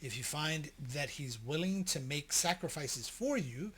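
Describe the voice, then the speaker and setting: A man's voice: a little high, expressive, measured pace, a bit bright, slight background noise. A middle-aged man co-hosting a couple's podcast, reading list points aloud and adding blunt jokes. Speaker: podcast co-host. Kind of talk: casual couple chat.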